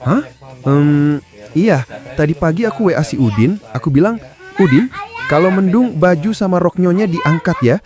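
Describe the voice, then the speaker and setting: A man voicing a flustered office husband who blurts out loud, high-pitched exclamations. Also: expressive, normal speed, natural voice. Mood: sheepish.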